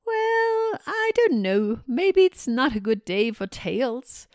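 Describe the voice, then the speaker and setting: A woman voicing a scatterbrained, cheerful, very old female witch in a storybook reading, with high, squealing exclamations. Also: sing-song, slow pace, a little mellow, no room sound, studio quality, heavily acted. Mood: storytelling.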